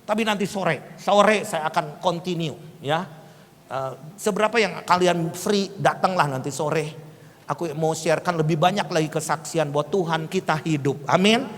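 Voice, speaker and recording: A man pastor delivering a lively sermon, moving between quiet storytelling asides and sudden shouted bursts. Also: on the high side, normal speed. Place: church hall. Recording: echoey hall with faint ambience.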